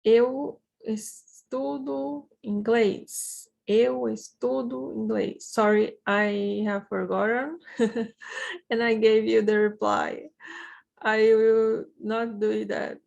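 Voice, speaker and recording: A woman's voice: a little high, level tone, extremely slow, creaky, darkish tone, highs cut off. A Brazilian woman teaching Portuguese vocabulary in English with a Brazilian accent, patiently saying each word twice before translating it. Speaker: language teacher. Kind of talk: slow language lesson with repetition drills.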